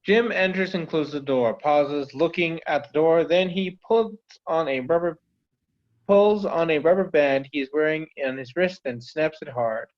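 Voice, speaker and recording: A man's voice: fairly high pitch, unhurried. A man reading stage directions aloud in a plain, matter-of-fact way. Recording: dull lo-fi audio.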